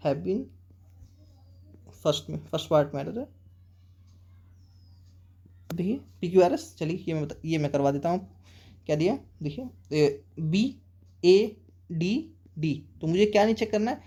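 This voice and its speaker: A man with an Indian accent teaching an exam-prep English lesson, reading English sentences out slowly and often checking with students. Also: a little high, animated, warm tone, slightly rough.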